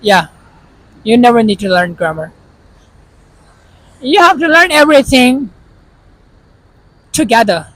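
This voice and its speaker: Very high-voiced and a bit bright, the Pakistani vlogger speaks expressively and unhurriedly, with long pauses. An Urdu native with a Pakistani accent, he gives casual, earnest advice right to the viewer. The recording is rough.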